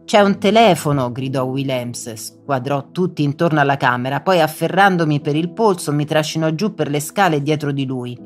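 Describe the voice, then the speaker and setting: An audiobook narrator reading a first-person story in a measured, dramatic way. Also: mid-range voice, soft background music.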